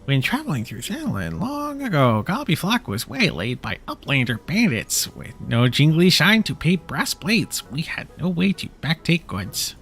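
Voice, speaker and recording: A man's voice: a little high, wildly swooping pitch, measured pace, few pauses, fairly bright tone, voice pushed up, full character voice. A man voicing a pompous, well-spoken male goblin in a fantasy game, who mixes broken grammar with big words. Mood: storytelling.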